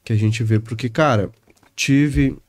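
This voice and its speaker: A man from Minas Gerais, a podcast guest chatting in a relaxed, emotional way. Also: mid-range voice, unhurried, no room sound. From Minas Gerais, Brazil. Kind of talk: casual conversation.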